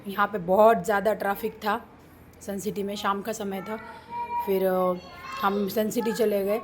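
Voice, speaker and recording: A woman in her thirties narrating a family outing in a chatty, storytelling vlog style, pausing often with fillers. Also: medium pitch, level tone, background noise. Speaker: family vlogger.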